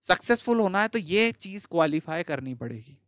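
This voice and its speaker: A man's voice: sits high, sing-song, normal speed, a bit bright, no room sound, clean studio sound. Man giving a pep talk. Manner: direct, scolding-but-friendly, repeats points for emphasis. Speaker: online coaching teacher. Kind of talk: motivational talk to exam students.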